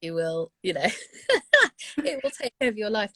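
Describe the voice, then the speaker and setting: A woman recording engineer chatting casually as an interview guest, relaxed and friendly. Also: mid-range voice, a little slow, no room sound, studio quality. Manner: relaxed, friendly, short backchannels. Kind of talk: casual chat.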